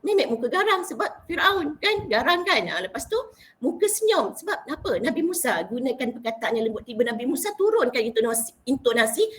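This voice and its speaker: Woman trainer explaining on a call. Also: on the high side. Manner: explanatory, demonstrates by acting out lines. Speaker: teacher and trainer. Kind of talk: online teaching talk. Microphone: video call.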